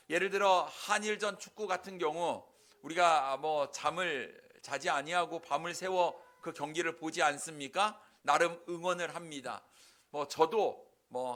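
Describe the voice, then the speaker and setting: High, bright-voiced male pastor. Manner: conversational, uses rhetorical questions. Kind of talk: sermon.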